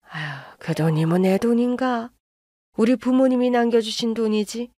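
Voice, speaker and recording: A woman's voice: fairly high pitch, normal speed, dark tone, no echo, clean studio sound, close to an everyday voice. A woman voicing an older mother-in-law who plays favorites and brushes off complaints, in a storybook radio drama. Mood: dismissive. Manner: brushing off, self-justifying. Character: older mother-in-law, dismissive and favoring her elder son.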